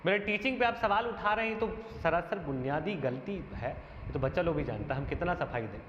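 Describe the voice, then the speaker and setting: A man with a fairly high voice lays out his case as a teacher, earnest and aggrieved, one point after another. The sound is roomy, with a long reverb tail, muffled in tone, and a faint hiss runs underneath. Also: lively intonation, a little fast, a bit bright. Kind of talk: defending himself in a monologue. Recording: echoey dull room sound, faint noise.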